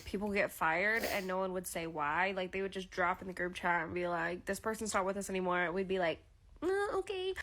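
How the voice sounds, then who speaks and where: A woman from the US tells a personal story to camera in a relaxed, chatty way. Her voice sits in a mid range, and she leans on fillers as she talks. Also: mid-range voice. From United States.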